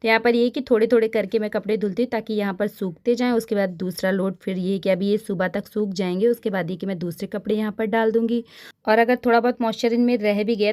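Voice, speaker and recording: A woman's voice: medium pitch, a little mellow. Chatty woman narrating her home routine. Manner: chatty and advisory, often turning to tips for the viewer. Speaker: home vlogger. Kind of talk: casual voice-over narration of a daily routine.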